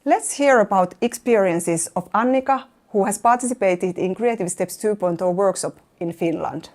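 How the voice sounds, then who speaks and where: A woman narrating a workshop overview in a measured, formal delivery. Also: medium pitch, darkish tone. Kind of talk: scripted narration.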